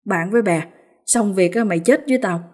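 A woman's voice: medium pitch, brisk, a little mellow, husky, natural voice. A woman voicing a brash, bossy young village man leading his friends.

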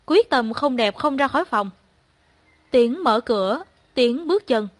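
A woman's voice: high voice, expressive, unhurried, no echo. Young woman telling a story, dry close sound. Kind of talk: first-person story narration.

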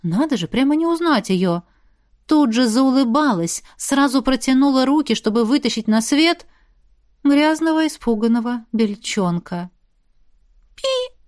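A woman reading a novel aloud in a steady, even storytelling manner. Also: a little high, normal speed, dry recording, studio quality. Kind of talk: audiobook narration.

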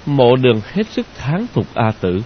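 A man narrating a novel in a slow, measured way. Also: medium pitch, sing-song. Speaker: audiobook narrator. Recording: dull lo-fi audio with hiss.

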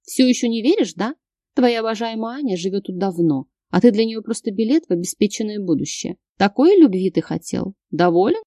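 A woman's voice: medium pitch, expressive, normal speed, warm tone, no echo, clean studio sound, close to an everyday voice. A woman reading an audiobook, voicing a scheming wife with a sing-song, mocking manner.

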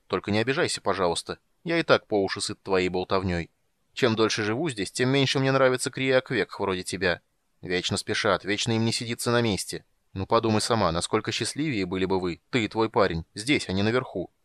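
A man's voice: lowish voice, brisk, fairly bright tone, no room sound, clean studio sound, natural voice. A man reading an audiobook, voicing an irritable, dismissive reclusive mage in a drawling, grumbling manner. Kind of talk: audiobook character voice.

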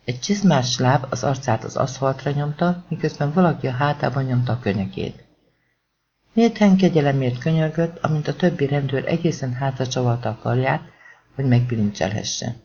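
A man's voice: mid-range voice, a little mellow. A man reading a crime thriller audiobook aloud in a tense, dramatic storytelling manner. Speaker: audiobook narrator. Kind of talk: scripted audiobook narration. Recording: dull lo-fi recording.

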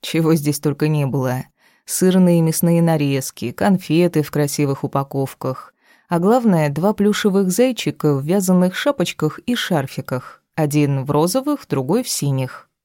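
Woman reading an audiobook, low dark voice, steady, super dry close sound. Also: normal speed, no room sound. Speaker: audiobook narrator. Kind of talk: scripted narration.

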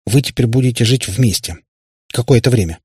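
A man voices a sad, weary warlock father who rambles through pompous, long-winded explanations. His mid-range voice is a little fast, a little mellow and slightly rough, pitched above his own natural voice. The sound is clean studio audio with no echo.

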